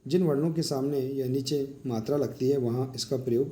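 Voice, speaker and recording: A man's voice: mid-range voice, fairly even intonation, brisk, mellow, a little hiss or hum. A man teaching a workbook lesson, patiently walking through examples and often telling the listener to look. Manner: explains patiently, often saying "देखिए" while pointing to examples.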